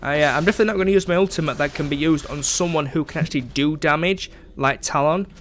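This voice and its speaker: A man's voice: fairly high pitch, quick pace, fairly bright tone, a little hiss or hum. A young man giving casual, chatty commentary over his own gameplay, sarcastic about his teammates and dropping frequent ums.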